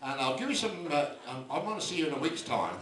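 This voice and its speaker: An older English comedian voicing a hesitant, quiet doctor in a joke. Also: male voice, fairly high pitch, sing-song, fast talker, echoey room, a crowd in the background. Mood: mumbling. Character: muttering country doctor.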